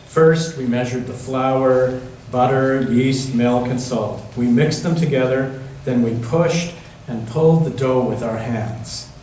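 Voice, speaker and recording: Inside a large, echoey church, a man reads a picture book aloud to children and pauses to ask them questions. His mid-range voice is darkish with fairly even intonation, and the distant mic catches heavy echo and faint noise.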